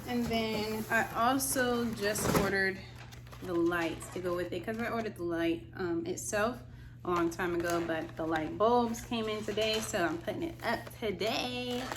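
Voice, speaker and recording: A woman chatting informally and excitably in a casual home DIY vlog. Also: mid-range voice. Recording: noisy handheld home recording.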